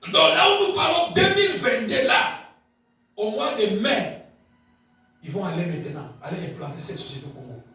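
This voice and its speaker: A man preaching a sermon as pastor, swinging between shouted peaks and low murmured asides and repeating key phrases. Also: animated, moderate pace, faint music behind. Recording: very echoey hall, voice picked up from a distance.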